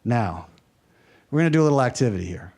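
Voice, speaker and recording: In a workshop room, a Southern man from the mountain region lectures quickly and animatedly in a medium-pitched, slightly mellow voice. He's conversational and a little funny, regularly checking in with his listeners.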